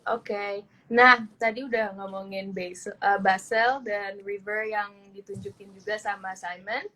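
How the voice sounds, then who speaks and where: A woman's voice: medium pitch, fairly even intonation, measured pace, sharp tone, low-quality recording. Chatty young woman hosting a live chat. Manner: chatty, eager and upbeat. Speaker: host. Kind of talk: casual live-stream interview.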